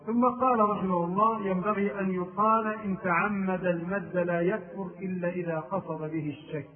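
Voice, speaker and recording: A man's voice: high-pitched, steady tone, brisk. A man giving a religious lesson on mistakes in the call to prayer, chanting the phrases to show them. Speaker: religious teacher. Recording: tinny phone-like distant sound.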